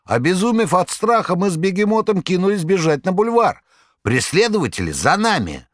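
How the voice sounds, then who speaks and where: Cunning male jester; high, overdone and lively, dry sound. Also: moderate pace, no room sound. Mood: frantic. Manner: exaggerated, shrill, mock-lamenting. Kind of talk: audiobook character voice.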